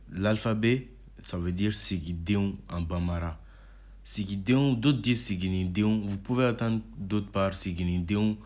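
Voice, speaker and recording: A young man calmly explaining an alphabet lesson to viewers. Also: low voice. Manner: calm explaining, voice jumps up loud on each letter called out. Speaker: language teacher.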